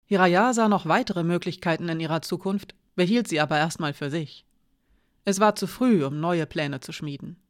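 An audiobook narrator reads a fantasy novel in a measured, steady way. The voice is mid-pitched and even. The recording is close and dry. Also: no room sound.

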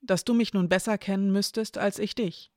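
A considerate non-binary character in a spoken story, measured and gentle, with a dry streak of irony, as a reader puts them on. The voice sounds gravelly and creaky, close-miked in a dry space. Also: medium pitch, steady tone, dry recording, natural voice. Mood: careful. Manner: thoughtful, measured phrasing. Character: non-binary person, careful, gently ironic.

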